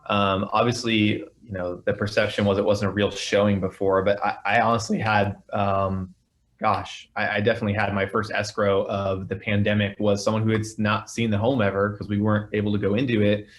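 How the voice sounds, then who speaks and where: Man, fairly low voice, casual conversational panel talk, hedging phrasing. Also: level tone, brisk.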